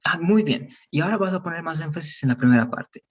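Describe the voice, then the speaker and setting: A man's voice: fairly high pitch, animated, fast talker, slightly rough, recorded from a distance, lo-fi sound. A man teaching an English pronunciation lesson, patient and encouraging, mixing Spanish explanations with English examples.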